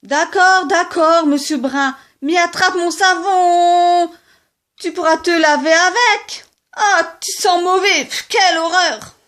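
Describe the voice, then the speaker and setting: A woman voicing a touchy male grey rabbit who complains loudly and mocks his neighbour in a storybook reading. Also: very high-pitched, fairly even intonation, takes it slowly, pitched above the performer's own voice, full character voice. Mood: annoyed. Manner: loud, mocking complaints.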